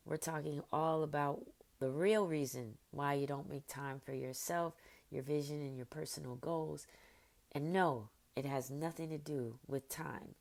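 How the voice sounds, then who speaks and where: A woman hosting a motivational podcast, hoarse and raspy as she is losing her voice from illness, upbeat and encouraging with many fillers. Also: sits low, steady tone, measured pace, darkish tone. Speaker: podcast host.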